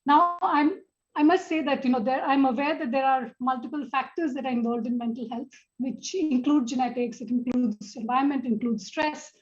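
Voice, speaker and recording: Moderating a panel, a woman with an Indian accent halts as she introduces the guests and asks them questions. Her voice is high-pitched and steady in tone, and the sound is lo-fi.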